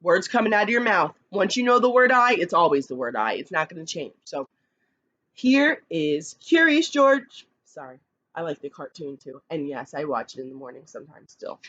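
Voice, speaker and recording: A woman who teaches kindergarten, reading picture books aloud slowly and expressively, with chatty asides to the children. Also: lo-fi sound. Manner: slow, expressive read-aloud with lively pitch, chatty asides.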